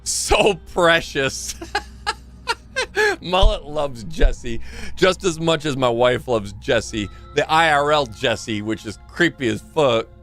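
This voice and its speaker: A man's voice: medium pitch, slow, fairly bright tone, soft background music. A man live-streaming a game with casual, playful commentary, reacting openly to what happens.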